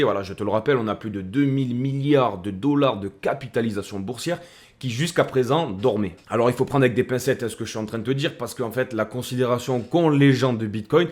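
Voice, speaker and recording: A man's voice: mid-range voice, a little mellow. Guy doing a crypto chat, super chummy, calls you buddy the whole time. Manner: chummy, addresses viewer as "mon gros". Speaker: crypto video host. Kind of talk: casual market commentary.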